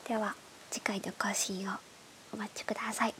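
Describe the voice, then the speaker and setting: A woman with a stuffed-up, nasal voice from hay fever, hosting a bedtime radio show in soft, breathy, casual chat that often drops toward a whisper. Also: medium pitch, little pitch movement, normal speed. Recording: clearly audible background hiss.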